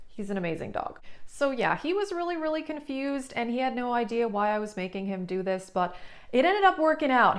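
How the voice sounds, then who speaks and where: A woman talking casually to camera as a beauty vlogger, in an easygoing, chatty voice at an ordinary middle pitch. She rambles a little and drops in loose fillers as she goes. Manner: chatty, relaxed, many "so yeah" fillers.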